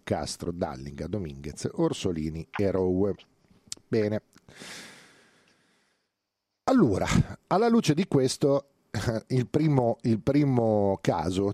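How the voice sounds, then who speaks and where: A man with a low, dark voice hosts a casual sports talk show on the radio, rambling and filling pauses as he goes. The sound is dry and close, with no room around it. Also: slightly rough, dry recording. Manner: chatty, digressive, frequent hesitations and fillers. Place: radio studio.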